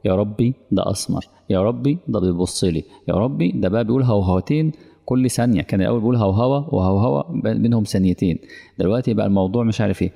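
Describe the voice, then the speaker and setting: A male preacher with an Egyptian Arabic accent voicing a panicky man who frets online about a stray dog, in a gravelly, whiny voice. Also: on the low side, rapid-fire, warm tone, long reverb tail. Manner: whiny, fussing, piling up worries.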